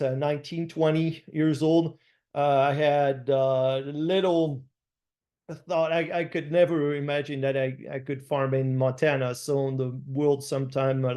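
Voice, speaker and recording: A middle-aged man with a French accent, a farmer giving an online slide presentation over a video call, speaking haltingly with many fillers and restarts. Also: mid-range voice, a little mellow. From France. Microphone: video call webcam.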